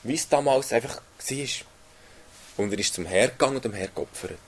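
A man's voice: mid-range voice, moderate pace, a little hiss or hum. A man giving an earnest sermon, reading Bible passages aloud and often adding tag questions. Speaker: preacher.

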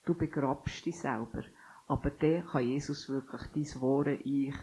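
A woman's voice: extremely low pitch, unhurried, dark tone, husky, poor audio. A woman preaching a sermon who reads scripture and urges listeners, with sudden emphatic bursts.

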